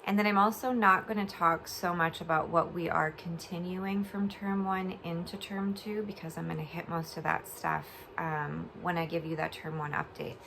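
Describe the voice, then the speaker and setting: A woman's voice: lowish voice, level tone, moderate pace, creaky, hardly any pauses, a bit bright, slight background noise. A young adult woman chatting casually in a giggly, rambling vlog style, her speech slightly slurred and funny from a swollen mouth after oral surgery. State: recovering from oral surgery, talking a bit funny. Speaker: homeschool vlogger. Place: bed at home.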